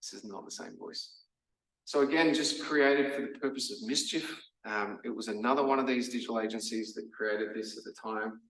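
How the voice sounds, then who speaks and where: Australian lecturer with a roomy distant sound. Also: male voice, mid-range voice, brisk, fairly bright tone. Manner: chatty, lots of fillers like "like" and "um". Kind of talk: casual masterclass talk. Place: lecture room. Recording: roomy hall, mic from a distance.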